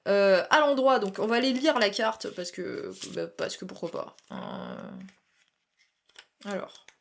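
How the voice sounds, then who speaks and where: A woman's voice: medium pitch, animated, unhurried, creaky. A young woman doing a casual tarot reading, talking chattily, laughing often and dropping English slang. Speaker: tarot reader.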